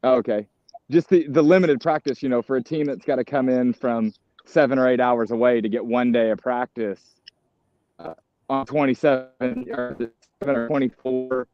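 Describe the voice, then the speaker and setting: Man on a choppy video call from the lake, casual and rambling, muffled low-fi line. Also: fairly even intonation, normal speed, no room sound, faint music behind. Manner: loose, rambling, thinks aloud with fillers. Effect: heard over a video call that cuts out. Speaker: tournament angler calling in. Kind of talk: casual chat. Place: out on a lake, at the back of the water. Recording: dull lo-fi call audio.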